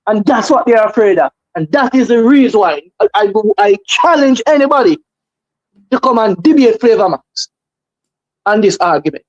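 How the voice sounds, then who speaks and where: A man's voice: sits high, animated, normal speed, no room sound, lo-fi sound. A man with a Jamaican accent talking casually and emphatically as a guest on a talk show, repeating phrases to drive his opinions home.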